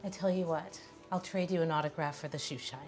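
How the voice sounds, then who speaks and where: A woman's voice: deep voice, brisk, darkish tone, faint music behind, natural voice. A woman playing a genteel opera singer, gracious, polite and a little hesitant. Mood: gracious, poised.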